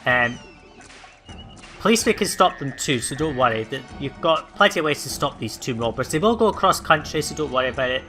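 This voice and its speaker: Man, let's play host, gameplay commentary, relaxed, filler words, mid pitch, soft game music. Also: brisk. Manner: thinking aloud, relaxed, many fillers.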